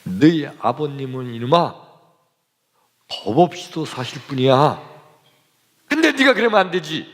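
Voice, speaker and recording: A man voicing a gruff middle-aged male melon-field keeper who loudly scolds boys, in a reverberant hall. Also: fairly high pitch, animated, takes it slowly, pauses often, pitched above the performer's own voice. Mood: scolding. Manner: loud scolding shouts.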